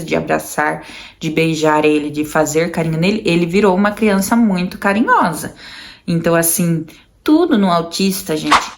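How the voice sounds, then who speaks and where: Patient Brazilian mother, low voice. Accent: Brazilian Portuguese. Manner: patient, step-by-step, repeats examples. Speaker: mother sharing parenting experience. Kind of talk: casual explanatory monologue to viewers.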